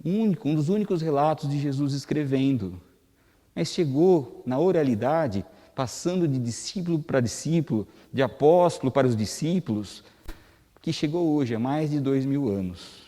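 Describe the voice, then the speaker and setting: A man's voice: a little high, animated, normal speed, warm tone. Brazilian man lecturing in a reverberant hall. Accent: Brazilian Portuguese. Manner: conversational, asks the audience rhetorical questions. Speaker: guest lecturer at a spiritist center. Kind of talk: spoken lecture to an audience. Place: hall of a spiritist center.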